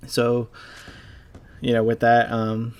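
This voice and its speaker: A man's voice: mid-range voice, monotone, slight background noise. Rambling young man, gaming voice-over. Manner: halting, rambling, heavy with fillers; casual and profane. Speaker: gaming YouTuber and clan leader. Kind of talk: casual voice-over commentary on gameplay.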